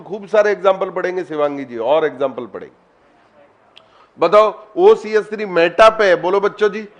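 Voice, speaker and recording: A man teaching an online chemistry class, quizzing his students, coaxing them to answer and calling on them by name. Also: on the high side.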